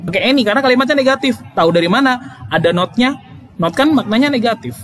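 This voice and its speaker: A man's voice: very high-pitched, lively intonation, fast talker, a bit bright. A male English teacher explaining grammar in a lesson, emphatic, repeating key points and checking with "oke?".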